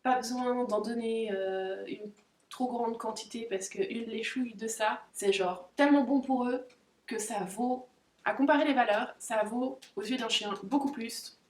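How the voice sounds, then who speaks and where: A young woman vlogging an unboxing of dog toys in a casual, excitable, giggly way, breaking off to talk to her dogs. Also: a little high, measured pace. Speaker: pet vlogger. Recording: roomy, distant camera audio.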